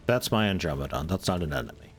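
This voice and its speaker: Laid-back, low-voiced man streaming a game. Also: expressive, fast talker. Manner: laid-back, wry, swears casually. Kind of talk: casual gameplay commentary. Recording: game music playing underneath.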